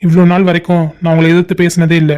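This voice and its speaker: A man's voice: a little high, monotone, racing, dark tone, clean tone, highs cut off, natural voice. A man voicing a defiant young cartoon son. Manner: firm, defiant. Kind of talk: cartoon family drama voicing.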